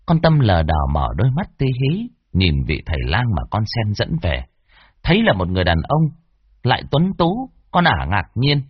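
A man with a husky voice narrating a horror story, expressive with wide swings in pitch. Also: moderate pace, no echo. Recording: dull lo-fi dry recording.

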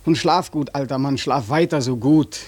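A bitter young war veteran in a radio play, acted by a man, accusing and mocking, sometimes whispering. His voice is dark and husky, recorded close and dry. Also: mid-range voice, moderate pace, dry recording, natural voice.

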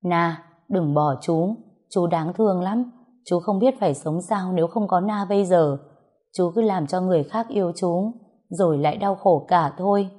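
Woman reading as a lovesick older man, pleading and tender, low mellow tone, storybook. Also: normal speed, slightly rough.

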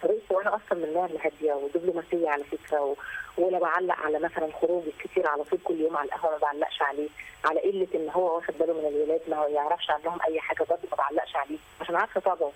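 Woman caller, aggrieved, husky tone, very rapid. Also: deep voice, steady tone, low-quality recording. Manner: aggrieved, pouring out a complaint.

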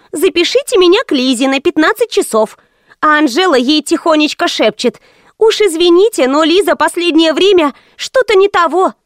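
A woman voicing a brash, sharp-tongued female hairdresser who talks quickly and scornfully. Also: high-pitched, no echo, studio quality, voice pushed up. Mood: gossipy.

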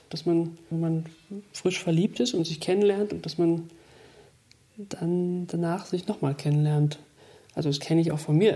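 Woman, interview comment, thoughtful with fillers, low voice, gravelly. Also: warm tone. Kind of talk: spontaneous reflective comment.

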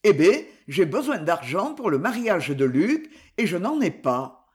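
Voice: medium pitch, sing-song, measured pace, a little mellow. An audiobook reader voicing a hearty, frank village craftsman and father who speaks jovially and bluntly in a storybook reading.

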